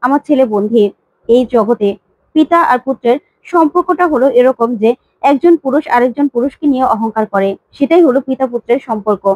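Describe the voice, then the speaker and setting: A woman's voice: sits high, a little fast, darkish tone, no room sound, rough recording. A woman voicing a grieving, stern middle-aged father who laments and demands the truth.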